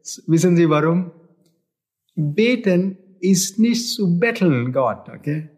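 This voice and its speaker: A man's voice: high-pitched, expressive, slow pace, a little mellow. A man speaking German as a non-native, giving an earnest spiritual talk full of rhetorical questions and repetition. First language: not German. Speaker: spiritual teacher.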